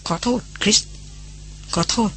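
A woman's voice: sits high, lively intonation, moderate pace, sharp tone, pitched above the performer's own voice. A woman voicing a jealous, hot-tempered young male army officer in an audiobook novel. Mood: pleading. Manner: angry outbursts, then pleading.

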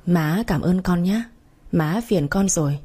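A woman voicing a stern older matriarch of a great house, breathy and low in a storybook reading. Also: unhurried, mellow. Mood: gentle.

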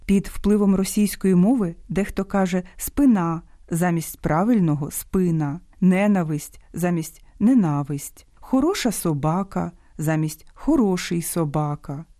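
A woman presents a scripted radio segment on language, her low, mellow voice rising and falling in a lively way. She sets each example word apart in a teaching manner, and the studio sound is dry and close. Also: no echo. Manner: didactic, lively emphasis on quoted words.

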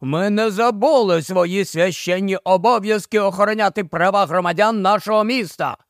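A man voicing a pompous, cowardly mayor whose voice cracks into falsetto. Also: moderate pace, a bit bright, dry recording, clean studio sound. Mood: defiant. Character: pompous cowardly male mayor, shrill blusterer.

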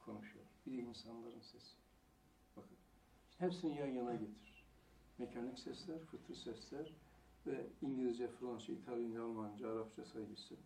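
A man's voice: mid-range voice, creaky, dark tone. Man lecturing from across an echoey room. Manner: poses rhetorical questions and answers them himself; slow, deliberate emphasis on single words. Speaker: religious lecturer. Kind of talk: religious lecture. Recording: echoey room, mic far off, faint hiss.

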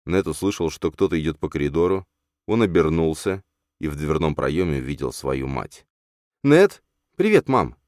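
A man narrating a novel aloud in an expressive storytelling reading. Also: very deep voice, moderate pace, dry recording, studio quality. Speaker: audiobook narrator. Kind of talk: scripted narration.

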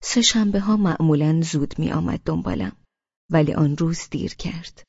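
A woman narrating a novel in the first person, with expressive storytelling. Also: low voice, slightly rough, no echo, dull audio. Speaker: audiobook narrator.

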